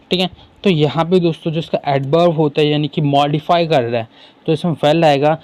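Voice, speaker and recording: A man tutoring for an exam, who asks questions and answers them himself and reads English sentences slowly. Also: on the high side, darkish tone. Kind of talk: explaining exam questions in Hindi with English terms.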